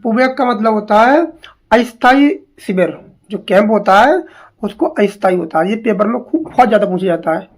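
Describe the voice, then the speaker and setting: A woman teaching English spellings to exam students, repeating each word slowly and asking questions as she goes. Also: mid-range voice, animated. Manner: slow, drilling, repeats words and asks questions.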